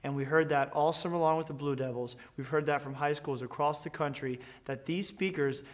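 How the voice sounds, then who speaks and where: Brisk and slightly high-pitched, with fairly even intonation, an American man in his thirties walks through a product tutorial, explaining and promoting as he goes. He works as a product education manager and is presenting. He is filmed inside a large school band room.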